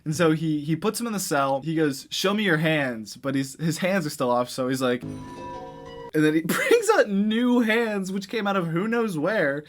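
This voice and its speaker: Guy doing a funny sweary movie recap, slightly high voice, kinda incredulous and animated, bit of music behind. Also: normal speed. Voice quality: sweary, slangy speech. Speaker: movie reviewer. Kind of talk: casual comedic movie recap.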